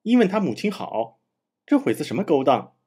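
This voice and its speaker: A man's voice: on the high side, big pitch swings, normal speed, a little mellow, husky. A man reading as a playful pampered young master. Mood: teasing. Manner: teasing, cheerful.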